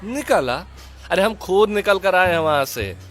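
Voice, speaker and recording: A man voicing a crude, excitable young man who swears freely in an audio drama. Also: sits high, measured pace, faint music behind. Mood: excited. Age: young adult.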